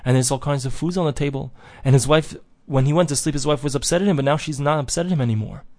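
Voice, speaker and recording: A man's voice: a little high, fast, a little mellow, dry recording. Man telling a parable, dry close sound. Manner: repeats and restarts as he tells it. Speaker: teacher of a daily Torah lesson. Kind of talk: parable storytelling.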